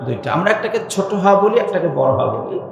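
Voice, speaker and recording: A man's voice: high voice, big pitch swings, a little fast, vocal fry. A man from Bangladesh preaching a sermon to a mosque congregation, asking them questions and having them repeat words after him. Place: mosque hall. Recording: very echoey hall.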